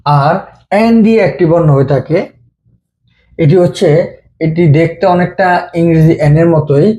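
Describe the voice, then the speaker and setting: Patient man with a mellow voice. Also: fairly high pitch. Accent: Bengali. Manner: slow, patient, repeating each sound. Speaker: language teacher. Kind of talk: step-by-step script lesson.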